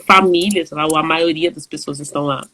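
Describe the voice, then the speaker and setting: A woman's voice: deep voice, steady tone, a little fast, slight background noise. Chatty Brazilian woman hosting a live. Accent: São Paulo Brazilian Portuguese. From São Paulo, Brazil. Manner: chatty, warm, laughing often, many restarts. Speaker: live stream host. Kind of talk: casual video call chat. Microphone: video call.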